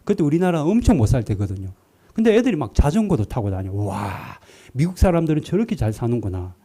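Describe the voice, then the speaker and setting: A male pastor preaching a sermon, telling a story with lively delivery and acting out the quotes. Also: mid-range voice, a little fast. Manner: animated storytelling, acts out quotes.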